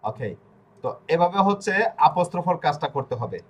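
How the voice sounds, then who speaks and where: Bangladeshi guy teaching an online class, slightly high voice, slow and patient. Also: very animated, breathy edge. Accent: Bangladeshi Bengali. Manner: patient, spells out sounds slowly. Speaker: language teacher.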